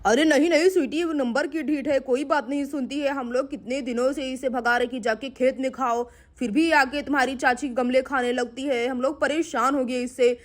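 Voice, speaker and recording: Woman doing a grumpy village uncle, lowered voice, scolding, doll story. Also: steady tone, moderate pace, hardly any pauses, natural voice. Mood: bossy. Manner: grumbling, sleepy and bossy. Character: gruff grumpy middle-aged village uncle.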